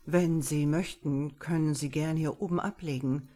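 A woman's voice: sits low, fairly even intonation, normal speed, mellow. A woman reading an audiobook, voicing a courteous, formal male academic who welcomes guests. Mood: polite.

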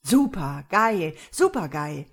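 A woman voicing an excited young male activist who talks loud and slangy. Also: low-pitched, takes it slowly, exaggerated voice. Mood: thrilled.

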